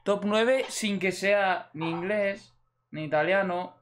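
A man's voice: high voice, slow, noisy background. A young man with a Spanish accent from Spain, giving casual, slangy commentary while opening game packs, swearing freely and talking straight to his viewers. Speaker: gaming video host.

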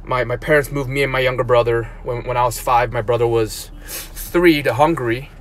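A man's voice: medium pitch, steady tone, fairly quick, a bit bright. Rambling man in his thirties, filming in a car. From South Korea. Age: 30s. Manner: rambling, with frequent restarts and repeated words. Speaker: blogger. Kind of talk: casual live-stream monologue. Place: parked car, indoors. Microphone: phone at arm's length.

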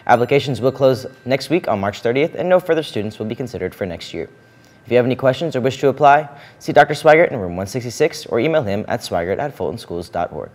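A man's voice: mid-range voice, expressive, fast talker, a little mellow. A teenage boy anchoring a school morning show, reading announcements. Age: teens. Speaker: student news anchor. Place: school studio, indoors.

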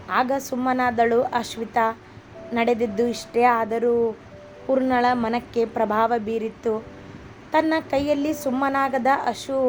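A woman's voice: a little high, a little mellow, a little hiss or hum. A woman reading a family love story aloud as a storyteller, evenly voicing each character herself. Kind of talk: scripted story narration.

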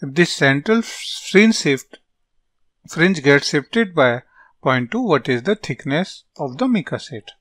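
A man with a North Indian accent teaching as a physics tutor, working through solutions step by step in short, halting phrases as he dictates. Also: on the high side, animated, fairly bright tone, no room sound, studio quality. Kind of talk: step-by-step lesson, reading out worked solutions.

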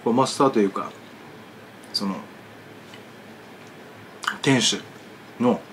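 A man's voice: mid-range voice, takes it slowly, a bit bright, a little hiss or hum. A man vlogging about food, chatting casually while eating and telling a rambling story with many asides.

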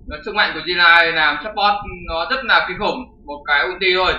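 A man's voice: fairly high pitch, brisk, bright, forceful tone, a little hiss or hum. A man hosting his channel and commentating a game replay in a chatty, jokey way with crude slang. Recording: roomy, dull lo-fi with faint music.

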